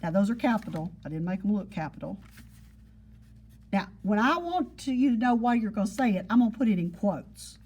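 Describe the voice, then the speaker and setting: Husky-voiced woman teaching a class. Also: medium pitch, animated, fairly quick, a little mellow. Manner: patient, repeats points with everyday examples. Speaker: geometry teacher. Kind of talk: classroom lesson. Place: classroom with students.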